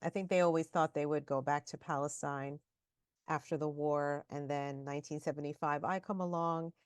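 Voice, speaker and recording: Woman, 40s, low and even, dry close recording, deliberate. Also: smooth, dry recording. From United States. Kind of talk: reflective personal account.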